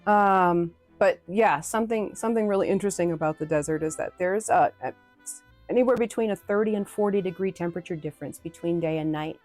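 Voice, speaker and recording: Chatty low-voiced woman, rambling. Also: a little fast, darkish tone, faint music behind. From New England. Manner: chatty and rambling, with frequent fillers and restarts. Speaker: streamer chatting with viewers. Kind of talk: casual live chat.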